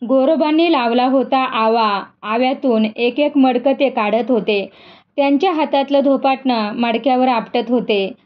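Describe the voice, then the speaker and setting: A woman's voice: high-pitched, measured pace, muffled recording. A woman voicing a tearful young male devotee. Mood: pleading. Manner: pleading, questioning.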